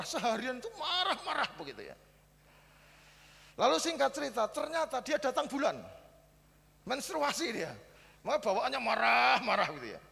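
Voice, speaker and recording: A male pastor in his fifties with a Javanese accent, telling lively stories in a sermon and swinging between soft asides and loud preaching. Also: sits high, gravelly. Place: church hall. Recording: reverberant church hall.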